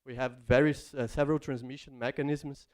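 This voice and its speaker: A male academic gives a research presentation. His voice is crisp and resonant at a middle pitch, with hesitant, searching phrasing. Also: fairly even intonation, fast.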